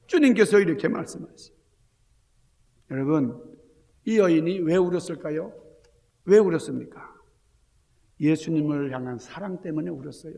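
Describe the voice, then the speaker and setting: Gravelly pastor preaching in a reverberant sanctuary. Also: male voice, high voice. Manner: emphatic preaching with rhetorical questions to the congregation; swings between loud exclamations and hushed near-whispers. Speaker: senior pastor. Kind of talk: Easter sermon. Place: church sanctuary.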